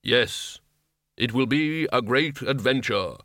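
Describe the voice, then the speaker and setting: A man voicing Death, an ancient, solemn and literal male reaper, speaking slowly and gravely in an audiobook reading. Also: medium pitch, pushed and bright, no room sound, clean studio sound. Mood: calm. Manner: slow, measured, grave delivery.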